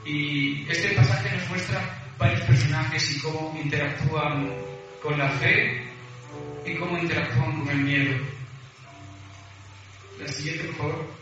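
A man preaches a sermon, reading scripture aloud and pausing on hesitant fillers. His voice sits a little high. He is heard from a distance in a very echoey hall, with music playing behind him. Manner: reads scripture aloud, addresses the congregation; hesitant fillers between phrases.

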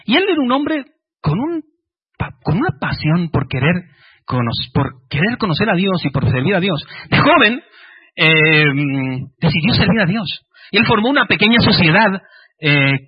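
A man, preaching a sermon in an animated way and acting out quoted prayers. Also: sits high, breathy edge. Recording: muffled lo-fi recording.

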